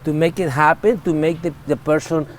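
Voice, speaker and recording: A man's voice: on the high side, steady tone, a little hiss or hum. Candid Salvadoran man in his forties. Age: 40s. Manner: earnest, candid, halting non-native English. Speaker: interviewee. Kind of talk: casual interview talk.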